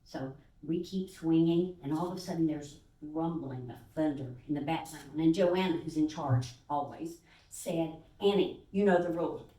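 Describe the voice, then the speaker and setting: A woman's voice: deep voice, moderate pace. An older woman from Texas, a guest speaker giving a sermon, telling stories with fillers and acting out the voices of the people in them. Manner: animated storyteller who acts out voices, with fillers. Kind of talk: storytelling sermon. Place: church sanctuary. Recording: roomy sound from a distance.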